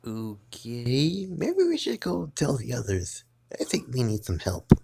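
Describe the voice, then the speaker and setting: A man creating and voicing a fan cartoon skit, talking slowly. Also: medium pitch, huge pitch swings, vocal fry, background noise. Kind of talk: fan animation voice acting.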